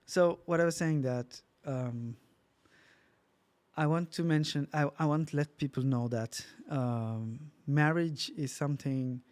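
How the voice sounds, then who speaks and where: A man's voice: a little high, unhurried, a little mellow, dry recording. A man from Bangladesh with a Bangladeshi accent, whose first language is Bangla, co-hosting a casual podcast in English and talking hesitantly with many fillers. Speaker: podcast co-host.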